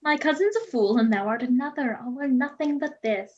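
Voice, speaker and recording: A woman reading the part of a young noblewoman in an amateur online play reading, in an expressive manner. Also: sits high, a little fast, lo-fi sound, close to an everyday voice. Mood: playful. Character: young noblewoman Hero, bride-to-be.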